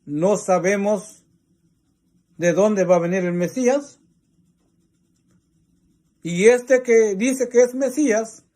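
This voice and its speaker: A man with a Mexican Spanish accent, preaching a religious teaching in slow, deliberate, repetitive phrases. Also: sits high, a little mellow.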